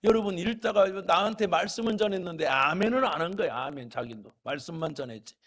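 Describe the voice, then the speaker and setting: A middle-aged pastor preaching a sermon, telling homely stories between loud calls to his congregation. His voice is husky and gravelly, pitched a little high. He drops into quiet, chatty asides before climbing back to ringing exhortation. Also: animated, fast. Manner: folksy storytelling, swinging from loud exhortation to soft asides. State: a little unwell.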